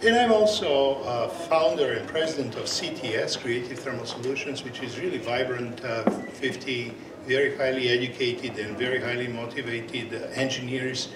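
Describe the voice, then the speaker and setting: In a conference hall, a man whose first language is Serbian opens and chairs a session, speaking haltingly with frequent fillers and false starts. He has a medium-pitched voice and a Serbian accent. The sound from his portable microphone is echoey, noisy, and captured from a distance.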